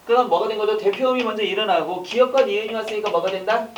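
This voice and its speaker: Over some background noise, a high-pitched man delivers an online exam-prep lecture. He quizzes listeners with rapid-fire rhetorical questions and makes casual joking remarks.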